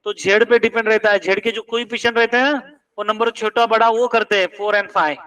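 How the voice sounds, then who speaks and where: Bright-voiced teacher quizzing his class. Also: high-pitched, fairly even intonation, brisk, distant mic, poor audio. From India. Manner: quizzing students, pressing them to check each step. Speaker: math teacher.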